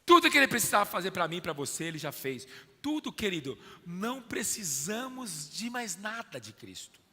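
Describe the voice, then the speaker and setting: A man's voice: high voice, big pitch swings, moderate pace, pushed and bright, husky, long reverb tail. A Brazilian man preaching a sermon with an emphatic, fervent manner, often calling listeners son or dear. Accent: Brazilian Portuguese. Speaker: pastor.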